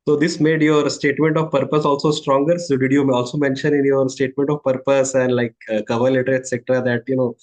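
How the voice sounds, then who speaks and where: Male podcast host, mid-pitched, casual and affirming, asks questions between his guest's answers. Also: little pitch movement, fast talker, few pauses. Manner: affirming, often repeats "sure, sure" before questions. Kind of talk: casual interview conversation.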